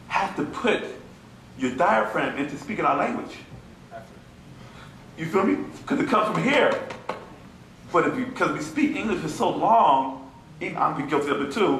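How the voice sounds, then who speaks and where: A fairly high-voiced man gives an informal lecture to a small group. He is animated and mocking and keeps checking in with his listeners. The echoey room has a faint hum of ambient noise behind him. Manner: animated, mocking, keeps asking "you feel me?". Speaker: class teacher.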